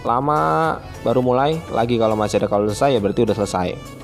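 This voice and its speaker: A man's voice: mid-range voice, fast, gravelly, soft background music. A man who is a primary school teacher, giving a friendly, chatty online lesson to children and often starting phrases with a filler.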